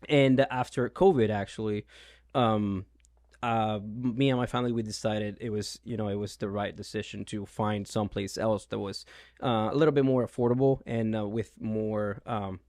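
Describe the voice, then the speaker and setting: Thirties Venezuelan realtor, low and hesitant, dry recording. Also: male voice, steady tone, moderate pace, a little mellow, no room sound. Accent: Venezuelan Spanish. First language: Spanish. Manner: hesitant, many ums and restarts. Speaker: realtor, guest. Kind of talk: casual interview.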